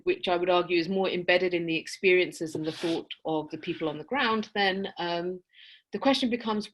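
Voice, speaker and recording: A woman with a lowish voice leads an academic panel over a video call. She talks in a measured, thoughtful way and pauses often on fillers. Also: a bit bright. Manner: measured, reflective, with frequent fillers. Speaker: panel moderator.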